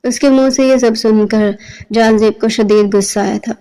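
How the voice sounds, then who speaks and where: Smooth-voiced woman reading a novel. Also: a little high, rough recording. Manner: steady storytelling with quoted dialogue. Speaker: narrator.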